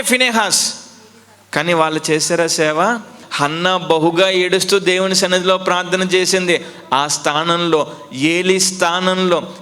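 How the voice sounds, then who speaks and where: A man's voice: high voice, sharp tone. A man preaching a sermon as pastor, emphatic and repetitive, full of rhetorical questions and call-and-response.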